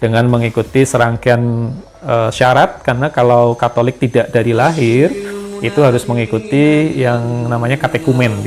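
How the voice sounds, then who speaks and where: A man's voice: mid-range voice, fairly even intonation, moderate pace, darkish tone. A man talks through his own story at an easy conversational pace. His voice sits mid-range, and he stops here and there to hesitate and find his words. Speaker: interview guest telling his conversion story. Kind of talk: relaxed testimony conversation.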